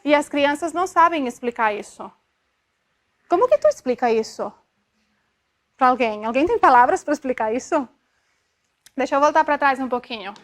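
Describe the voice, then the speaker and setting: High-voiced woman lecturing a class. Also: lively intonation, moderate pace, pauses often, a bit bright. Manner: explanatory, checks in with frequent tag questions; demonstrative, sounds out syllables to illustrate. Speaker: optometry lecturer.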